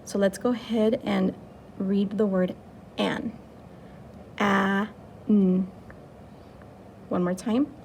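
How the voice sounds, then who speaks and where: A woman teacher walks young children through a phonics lesson, drawing out each letter sound with patient, encouraging care. Her voice carries a gravelly fry at mid pitch, and a faint hiss of noise sits underneath. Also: fairly even intonation, darkish tone. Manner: slow, clear, encouraging teacher talk with drawn-out sounds.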